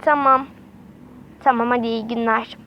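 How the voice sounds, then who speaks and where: A woman's voice: on the high side, fairly even intonation, normal speed, pitched below the performer's own voice, lightly acted. A woman voicing a kind, patient schoolteacher in a toy doll play, speaking in a soothing, motherly way. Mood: hesitant. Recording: dull lo-fi home recording.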